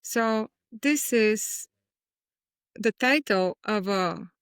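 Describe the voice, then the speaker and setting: Smooth-voiced Bulgarian-born woman. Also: mid-range voice, drawn-out words, a bit bright, dry recording, clean studio sound. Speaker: guest poet. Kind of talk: conversational interview.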